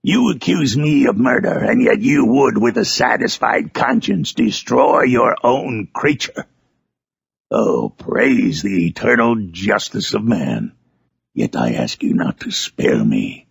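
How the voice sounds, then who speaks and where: Frankenstein's Monster, gravelly and wretched. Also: male voice, medium pitch, big pitch swings, takes it slowly, dry recording, exaggerated voice. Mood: imploring, accusing. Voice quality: gravelly, raspy. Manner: impassioned, archaic, theatrical pleading. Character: wretched, eloquent, vengeful male monster pleading with his creator. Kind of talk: dramatic reading of a Gothic novel.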